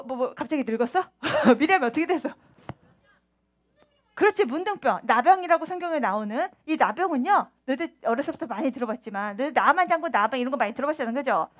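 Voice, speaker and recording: A woman giving a sermon to children as their preacher, quizzing them and acting out the scenes as she goes. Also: sits high.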